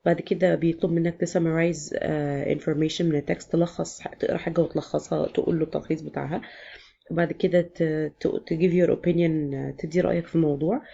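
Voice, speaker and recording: A woman's voice: low-pitched, level tone, fast talker, vocal fry, dark tone, slightly rough, dull audio. A woman with an Egyptian Arabic accent, casually explaining exam sections in a chatty vlog lesson, often switching into English. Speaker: exam prep teacher.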